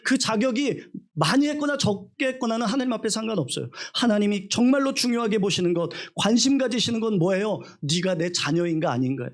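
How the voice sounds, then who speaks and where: Male pastor, slightly high voice, emphatic sermon delivery full of rhetorical questions. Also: expressive, brisk, few pauses.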